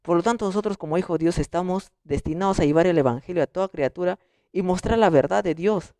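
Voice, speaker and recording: A man's voice: high-pitched, fast, mellow, no echo, clean studio sound. A young man presenting a read-aloud summary of a theology reading, going through numbered points one by one. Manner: reads from notes, lists points one by one.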